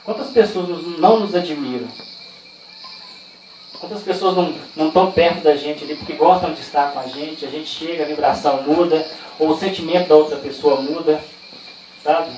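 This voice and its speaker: A man's voice: fairly high pitch, fairly even intonation, moderate pace, darkish tone. A man with a Brazilian Portuguese accent giving an informal training talk, explaining with rhetorical questions and personal stories. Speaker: workshop trainer. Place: indoor training room. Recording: echoey room, far from the mic, faint insect noise.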